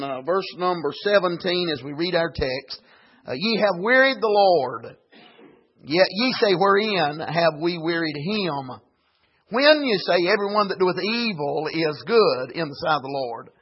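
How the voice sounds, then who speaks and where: A man's voice: sits high, husky, lo-fi sound. A man preaching a sermon in an old-time cadence, dropping frequent amens. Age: 40s. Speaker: pastor.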